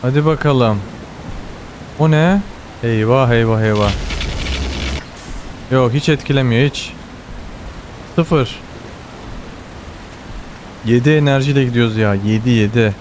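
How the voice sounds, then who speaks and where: Excitable Turkish man narrating gameplay. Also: mid-range voice, takes it slowly, pauses often, slight background noise. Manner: excited, exclaiming, repeats words. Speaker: gamer. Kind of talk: live game commentary.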